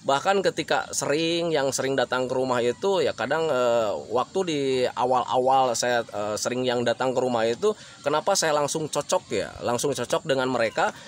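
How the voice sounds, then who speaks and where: A man's voice: medium pitch, normal speed, a little hiss or hum. A man giving casual spoken advice, often calling listeners friends, with many fillers, and acting out example phrases in changed voices. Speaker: health talk presenter.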